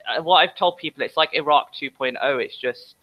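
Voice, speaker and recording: A man's voice: on the high side, fairly quick, highs cut off. A man answering interview questions in a casual, earnest way, repeating himself and hesitating before each point.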